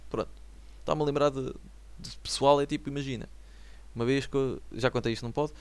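A man's voice: mid-range voice, steady tone, brisk, clean tone. Rambling young man with a European Portuguese accent. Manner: rambling, slang-heavy, keeps checking if listeners follow. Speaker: vlogger. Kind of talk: casual solo chat to viewers. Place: at home.

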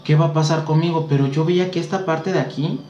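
A man's voice: on the high side, fast talker, muffled recording, faint music behind. A man with a Mexican accent, a guest telling stories in casual chat and acting out what people said to him. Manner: animated storyteller acting out quotes. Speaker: guest spiritual consultant. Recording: roomy echo, faint background ambience.

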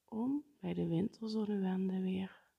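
A woman guiding a breathing meditation in a soft, partly whispered, unhurried way. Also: mid-range voice, vocal fry, husky, highs cut off. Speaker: meditation guide.

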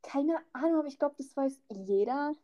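A woman's voice: high voice, animated, normal speed, warm tone, lo-fi sound. A young woman in casual chat, dryly mocking and laughing at her friend. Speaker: podcast co-host.

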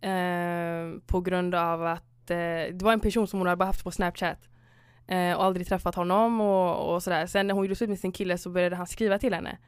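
A woman chats casually and retells a story, voicing each person in turn and dropping English phrases into her speech. Her voice is smooth and clear. The recording is dry and close, with no room sound. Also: on the low side, fairly even intonation, hardly any pauses, dry recording. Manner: retells stories acting out both sides, mixing in English phrases. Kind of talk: casual chat.

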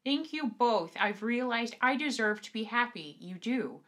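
A woman's voice: fairly high pitch, lively intonation, measured pace, fairly bright tone. A woman co-hosting a podcast, chatting casually and offering supportive, encouraging words. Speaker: podcast co-host. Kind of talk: casual chat.

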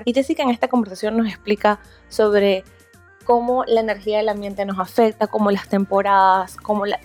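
A woman's voice: on the high side, no echo. A woman hosting a podcast in a casual, conversational Spanglish, dropping English words into her Spanish. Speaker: podcast host.

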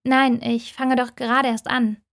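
A woman's voice: fairly high pitch, little pitch movement, a little slow, gravelly, fairly bright tone. A woman voicing a puzzled young male student, the first-person lead of an audiobook romance. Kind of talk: audiobook reading.

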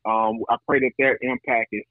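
A man's voice: mid-range voice, little pitch movement, normal speed. Man praying over a thin phone line. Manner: preacherly, insistent, repeating phrases for emphasis. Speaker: podcast guest, entrepreneur praying on air.

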